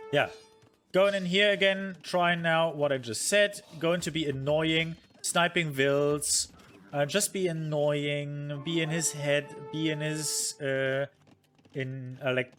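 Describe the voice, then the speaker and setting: Faint music plays behind a man slowly going over his strategy game match on stream, his slightly high voice steady and a bit bright. He muses aloud with plenty of fillers, is hard on himself, and answers viewers in chat in a casual way.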